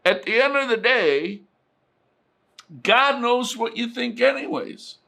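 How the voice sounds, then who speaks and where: A man's voice: very high voice, slow pace, gravelly, sharp tone. A middle-aged man giving an informal, conversational sermon, full of fillers and acted-out prayers.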